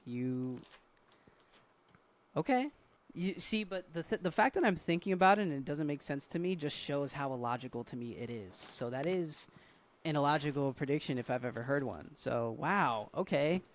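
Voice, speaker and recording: A man's voice: on the high side, animated, normal speed. A man co-hosting a podcast in casual chat, teasing and skeptical, swearing casually. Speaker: podcast co-host.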